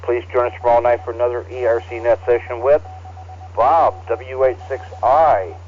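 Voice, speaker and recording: A man acting as net control on an amateur radio net, heard over a ham radio transceiver, reading call signs in a relaxed, halting way. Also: medium pitch, a little hiss or hum. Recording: dull, lo-fi radio audio.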